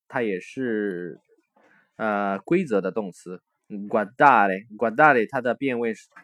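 A man teaches a recorded language lesson step by step, hesitating often and slowly repeating words to spell out forms. His voice is medium-pitched with a fairly bright tone, captured in clean studio sound with no room sound.

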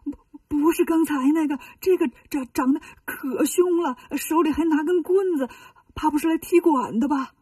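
A woman's voice: sits high, normal speed, mellow, no room sound, studio quality, distant mic, pitched above the performer's own voice, natural voice. A woman voicing a timid young male temple handyman monk who talks in a nervous, hesitant way, in a storybook retelling. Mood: frightened.

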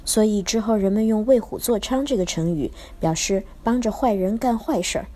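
A woman teacher telling a children's story in a lively, expressive way. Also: medium pitch, normal speed.

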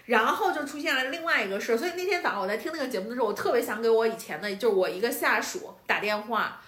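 A woman podcast co-host chatting casually, telling an animated story and acting out what others said. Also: a little high, racing. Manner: animated storytelling, acts out quoted lines. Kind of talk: casual chat. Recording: roomy echo.

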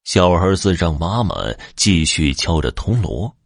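Male folk-tale narrator, deep and husky, dramatic, dry close mic. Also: animated, no room sound. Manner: measured, dramatic storytelling. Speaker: storyteller.

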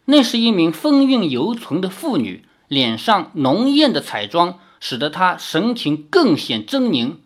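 A woman narrating a martial arts novel aloud in an expressive storytelling manner. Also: on the low side, measured pace, hardly any pauses. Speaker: audiobook narrator.

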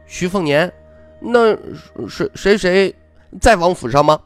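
A man's voice: high voice, lively intonation, takes it slowly, soft background music, voice pushed up. A man voicing a naive, bold little girl who talks bluntly and bosses her friend around in a storybook reading. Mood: excited. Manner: chirpy, blunt, playfully bossy.

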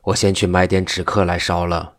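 A man's voice: deep voice, flat delivery, fairly quick, dry recording, studio quality. A man reading the lines of a grieving, grateful young son in an earnest, pleading way.

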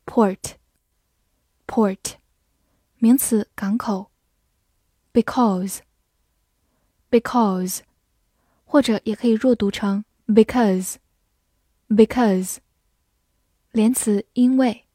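A woman's voice: on the high side, steady tone, drawn-out words, pauses often, warm tone, dry recording. A woman teacher drilling English vocabulary, saying each word twice and then explaining its meaning.

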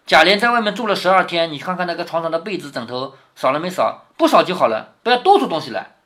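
A man's voice: on the high side, very animated, quick pace, bright, forceful tone. A man reading a classic novel to his daughter, stopping often to explain and to ask rhetorical questions. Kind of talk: reading aloud with commentary.

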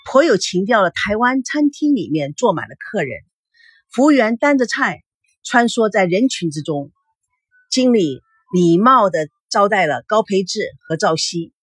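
略带沙哑的女声讲故事. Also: female voice, medium pitch, a little slow, husky, dry recording, studio quality, faint music behind. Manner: lively storytelling, plays all parts. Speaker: storyteller. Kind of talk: audio drama narration.

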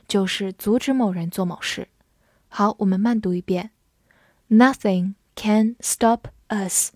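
Woman vocabulary teacher, patient and clear, spells words out slowly, mid pitch, close dry recording. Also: darkish tone, no room sound. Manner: spells words letter by letter, reads example sentences slowly. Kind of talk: scripted vocabulary lesson.

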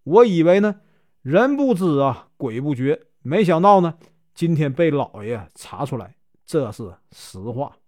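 A man's voice: fairly high pitch, big pitch swings, measured pace, a little mellow, no room sound, studio quality. A man doing an evasive murderer, Northeastern twang. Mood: confessing. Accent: Northeastern Mandarin. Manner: pleading, confessing in a long run. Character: cunning middle-aged male murderer, evasive.

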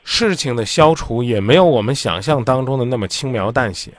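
Blunt, lively male radio advice host. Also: medium pitch, fairly quick, no echo. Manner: blunt, insistent, lecturing.

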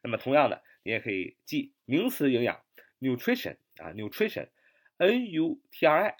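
Brief: young male English teacher, lively pitch, spells words out letter by letter. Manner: explains patiently, spells words letter by letter, repeats terms; drawls English words slowly, fills pauses with "啊". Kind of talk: spoken vocabulary lesson.

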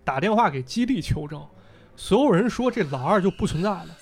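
Lively higher-voiced male storyteller. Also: brisk, husky. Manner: lively retelling, voicing characters in quotes. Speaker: podcast host. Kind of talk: casual storytelling.

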